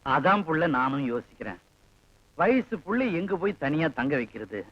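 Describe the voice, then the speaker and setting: A shrewd middle-aged herbal healer from a village. His voice is fairly high, and he speaks in a teasing, commanding way over dull, lo-fi film audio. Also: very animated, moderate pace, no echo. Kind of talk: film acting.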